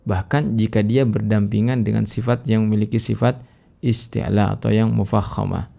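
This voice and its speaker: A man with a gravelly, slightly rough voice teaches Quran recitation in a recorded lesson. He explains patiently and stretches example words into slow, careful chanting. The sound is a little dull and lo-fi. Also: lowish voice, steady tone, mellow. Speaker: Islamic teacher.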